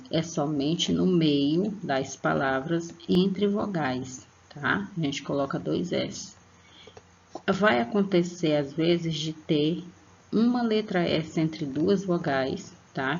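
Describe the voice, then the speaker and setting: A teacher with a Brazilian Portuguese accent giving an online spelling lesson, patient and checking in after each point, sounding out example words slowly. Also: mid-range voice, gravelly, slight background noise. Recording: dull lo-fi recording.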